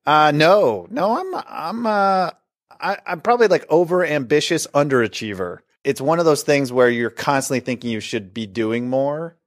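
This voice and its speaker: A man's voice: on the high side, expressive, moderate pace. A middle-aged man from Northern California, an actor guest chatting casually in an interview, rambling and self-deprecating with restarts.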